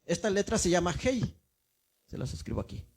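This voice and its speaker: A man's voice: high voice, very animated, brisk, gravelly, darkish tone, breathy edge. A male minister giving a teaching sermon, explaining step by step and often asking the congregation if they follow. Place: church.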